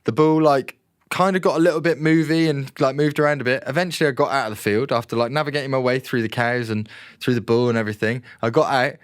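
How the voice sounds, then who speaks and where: A man with an English accent, co-hosting a casual podcast and telling stories in an animated, sweary way. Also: medium pitch, fast, no room sound. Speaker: podcast co-host.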